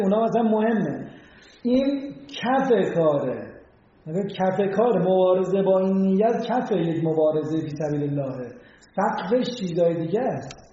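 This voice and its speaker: A man with a fairly high, mellow voice delivers a casual religious lecture, often pausing to ask his listeners rhetorical questions. The recording is very echoey and dull. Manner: conversational, asks rhetorical questions. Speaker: religious speaker.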